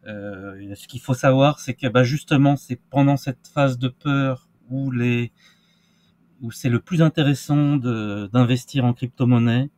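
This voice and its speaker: A man's voice: mid-range voice, a little slow, darkish tone. A man giving casual crypto market commentary, hesitant with many fillers and restarts. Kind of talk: casual screen-share market analysis.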